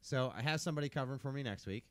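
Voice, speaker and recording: A man's voice: medium pitch, racing, fairly bright tone, dry recording. A man co-hosting a podcast, telling rambling, profane stories in casual banter. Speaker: podcast co-host.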